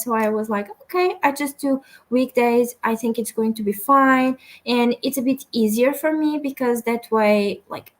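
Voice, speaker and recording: A woman's voice: on the high side, low-quality recording. A young woman from Portugal hosting a casual livestream, chatting and reading viewer comments aloud with many fillers. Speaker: livestream host. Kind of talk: casual chat while reading chat messages.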